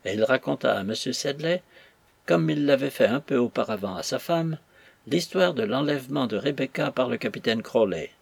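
A man narrates an audiobook in a measured, steady voice that is husky and a little breathy. His pitch is middling, and the recording is dry and close. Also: no echo. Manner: measured storytelling.

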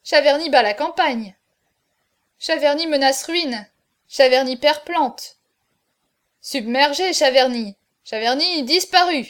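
A woman's voice: high-pitched, a little slow. A woman reading aloud, voicing a drunken young marquis who stammers and babbles. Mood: babbling.

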